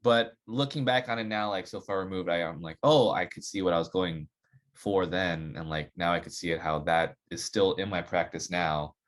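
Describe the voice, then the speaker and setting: A man's voice: sits low, moderate pace. A man, a saxophonist guest on a podcast, chatting casually and loosely, full of "like" and "you know". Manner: relaxed, rambling, filler-heavy with many "like" and "you know".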